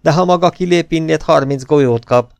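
A man's voice: fairly high pitch, vocal fry, a little mellow, clear, resonant tone, dry recording, pitched above the performer's own voice. A man playing a cocky, wisecracking adventurer. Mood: flippant. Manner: glib, teasing and matter-of-fact. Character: cocky, flippant young adventurer, cynical charmer. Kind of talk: audiobook character voice.

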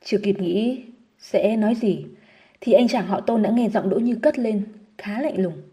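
A woman narrating a novel audiobook in a steady, measured reading style. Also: medium pitch.

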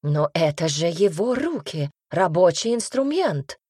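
A woman's voice: on the low side, lively intonation, takes it slowly, breathy edge, no room sound, studio quality, exaggerated voice. A woman voicing a pushy, emphatic middle-aged duchess in an audiobook, drawing out her words. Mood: alarmed. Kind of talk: audiobook character reading.

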